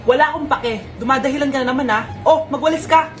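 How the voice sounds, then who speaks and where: A woman voicing a bossy, quick-tempered mother in a comedy sketch who scolds her child loudly. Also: sits high, noisy background, pitched below the performer's own voice, natural voice. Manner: scolding and shouting, then boasting while gaming.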